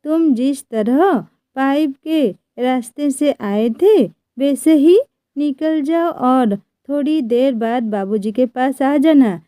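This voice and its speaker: A woman's voice: high voice, slow, warm tone, no room sound, clean studio sound. A woman voicing a bold young landlord's daughter in a read-aloud story, confident and teasing. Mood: assertive.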